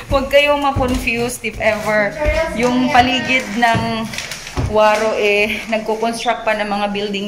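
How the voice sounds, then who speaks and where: A woman with a Filipino accent vlogging through a face mask, chatty and teasing, filmed on a handheld phone. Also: fairly high pitch. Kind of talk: casual food review vlog. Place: restaurant indoors. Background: music playing.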